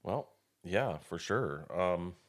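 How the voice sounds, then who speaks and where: A man's voice: deep voice, animated, slow. A man co-hosting a casual coffee-tasting podcast, joking and laughing often. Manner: jokey, laughs often, puts on silly voices. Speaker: podcast co-host. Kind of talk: casual chat.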